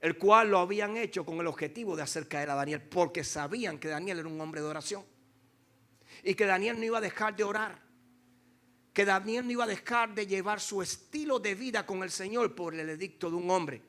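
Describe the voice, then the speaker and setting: A male pastor preaching a sermon to his congregation, swinging between loud declarations and hushed, slow phrases, and calling for responses. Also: high voice. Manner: addresses congregation directly, calls for responses.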